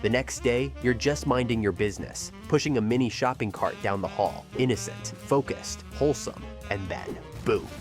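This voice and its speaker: A man's voice: mid-range voice, moderate pace, hardly any pauses, over music. A man narrating a commentary video in a sarcastic, dramatic scripted style. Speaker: YouTube commentator.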